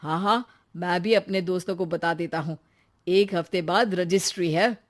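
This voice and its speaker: A performer voicing a young husband and son, an eager shopkeeper in a cartoon story, who talks in an excited way. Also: medium pitch, moderate pace, lightly acted.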